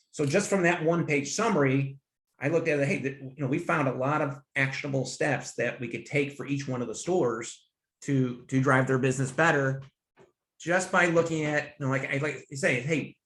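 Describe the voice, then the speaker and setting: A man who is a guest on a business podcast, talking enthusiastically and rambling with restarts. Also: medium pitch. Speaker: guest, finance consultant. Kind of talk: conversational interview. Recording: roomy echo.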